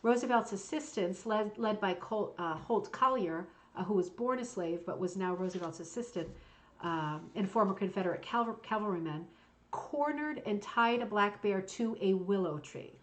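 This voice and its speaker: A woman's voice: mid-range voice, expressive, normal speed, low-quality recording. A woman hosting like a chatty bingo caller, enthusiastic and gushing, with asides, repeats and bits read aloud in a casual way. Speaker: host of a hooked rug bingo show.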